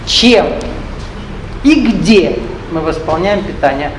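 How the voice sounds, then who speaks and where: Speaking slowly and expressively, a man with a markedly high voice delivers a spiritual lecture to a live room. A Russian speaker, not from Ukraine, he strays between topics, jokes in passing and poses questions to the audience, all captured with echo and a soft hum from the hall.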